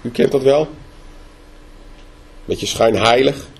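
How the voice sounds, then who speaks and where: A man's voice: mid-range voice, slow pace, vocal fry, slightly rough. A man preaching a sermon in a conversational way, often asking the listeners questions. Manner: conversational, asks rhetorical questions.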